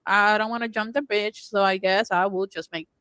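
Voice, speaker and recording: A woman from Puerto Rico with a Puerto Rican Spanish accent, co-hosting a casual podcast chat and telling animated stories, often laughing and acting out what she said. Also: mid-range voice, moderate pace, smooth, dry recording, low-quality recording. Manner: animated storytelling, laughs often, quotes herself. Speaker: podcast co-host.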